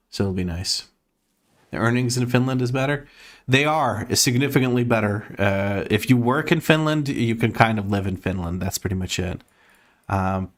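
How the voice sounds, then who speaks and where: Chatty low-voiced American-accented man. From Croatia. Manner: chatty, laughs often, swears casually, reads chat aloud. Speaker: gaming streamer. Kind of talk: casual live-stream chat while gaming.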